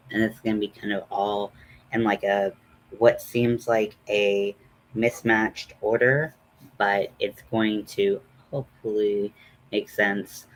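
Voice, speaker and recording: A man with a slightly low voice hosts a casual makeup tutorial. He speaks very slowly, rambling and poking fun at himself. Faint noise sits behind his voice. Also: rough recording. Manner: rambling, self-deprecating. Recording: noticeable background noise.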